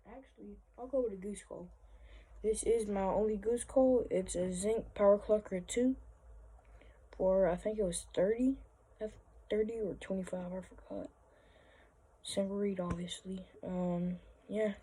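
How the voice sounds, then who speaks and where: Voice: medium pitch, mellow, slightly rough, low-quality recording. Someone giving a casual, informal show-and-tell review as a hobbyist presenter, speaking hesitantly with trailing asides. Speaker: hobbyist presenter showing a collection.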